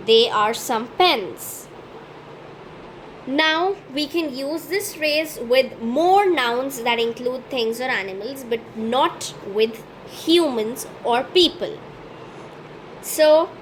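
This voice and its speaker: A woman hosting a French lesson channel, explaining slowly and drilling pronunciation carefully. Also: high voice, slight background noise, poor audio. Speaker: French teacher and channel host. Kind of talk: slow instructional explanation.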